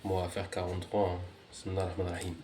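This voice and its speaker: A man reading and commenting on scripture, muttering quiet asides between louder, rising recitations. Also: low-pitched, completely flat delivery, rapid-fire, echoey room, very noisy. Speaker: religious reader.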